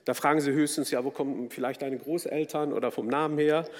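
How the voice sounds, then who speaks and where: The speaker is a man of Turkish Kurdish background raised in Germany, giving an earnest formal speech with frequent hesitations and fillers. His voice is medium-pitched and steady, moving a little fast, and a long hall reverb surrounds it.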